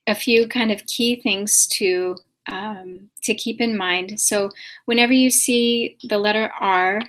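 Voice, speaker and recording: A woman teaching in a live-stream class, taking her time and speaking slowly. She pauses often with soft fillers and repeats sounds aloud to show their pronunciation. Her voice sits at an ordinary middle pitch. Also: steady tone. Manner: unhurried and patient, with many pauses and soft fillers. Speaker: spiritual teacher answering questions.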